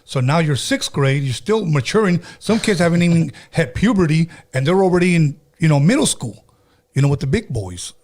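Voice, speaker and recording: A Californian man in his fifties, a native Spanish speaker with a Chicano accent, hosts a radio podcast interview in a blunt, casual, slangy style that mixes in some Spanish. His slightly high, slightly mellow voice is very animated and moves at normal speed.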